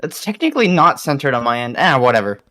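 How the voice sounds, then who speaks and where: A man co-hosting a livestream in casual chat, rambling and animated, full of likes and restarts. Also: mid-range voice, fast. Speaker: stream co-host.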